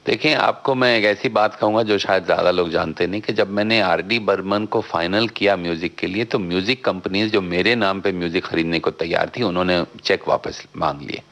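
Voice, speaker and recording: A man, a filmmaker guest, telling a long anecdote in a radio interview, outspoken and animated, slipping English phrases into his talk. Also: deep voice, a little fast, few pauses. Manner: animated storyteller, mixes English phrases into Hindi; talkative and outspoken.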